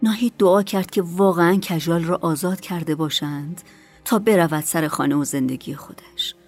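A woman narrating an audiobook in a soft voice that often drops to a whisper. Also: on the low side, faint music behind. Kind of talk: scripted narration.

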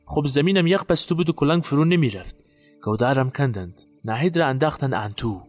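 A man's voice: medium pitch, lively intonation, soft background music, close to an everyday voice. A man playing a haunted, guilt-ridden witness. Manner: halting, haunted recollection. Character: guilt-haunted man recalling a night burial. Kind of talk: audio drama acting.

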